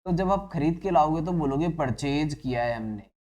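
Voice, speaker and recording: Animated and speaking at a moderate pace, a man with a highish, darkish voice teaches an accounting lecture. He refers to his students as children, answers the questions he puts to them, and weaves English terms into his talk.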